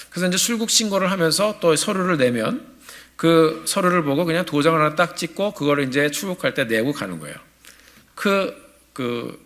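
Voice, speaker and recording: A male pastor in his forties preaching a sermon in a church, telling a story in a lively, animated way. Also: a little high. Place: church sanctuary.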